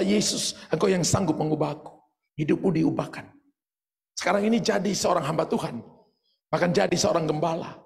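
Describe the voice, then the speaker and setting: A man with an Indonesian accent, a pastor preaching a sermon, telling a story with animated, rising shouts at its peaks. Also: sits high, creaky, in a large hall.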